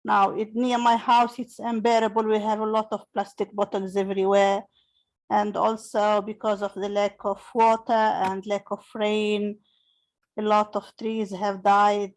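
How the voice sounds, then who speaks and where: A woman in her fifties from Tunisia, an English teacher speaking slowly and earnestly on a video call, with many hesitations. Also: mid-range voice, level tone, poor audio. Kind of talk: casual talk on a video call.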